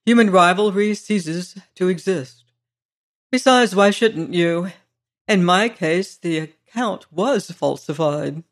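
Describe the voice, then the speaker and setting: A man reading the part of a genial, suave blind gentleman in an audiobook, speaking quietly and thoughtfully with a slightly higher voice. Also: slow, heavily acted.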